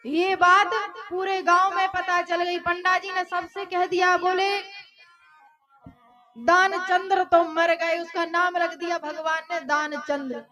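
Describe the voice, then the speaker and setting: A woman storyteller delivers a devotional sermon in a very high, bright voice. She tells the story in a folksy, lively way, acting out the dialogue and sometimes singing. Devotional music plays clearly behind her. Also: unhurried, hardly any pauses. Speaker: katha storyteller.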